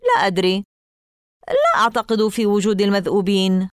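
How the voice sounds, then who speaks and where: A woman's voice: medium pitch, wildly swooping pitch, a little fast, dry recording, clean studio sound. A woman reading aloud and voicing a shy, hesitant new boy in an audiobook. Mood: unsure. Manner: hesitant, shrugging. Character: shy, unsure new boy of about twelve.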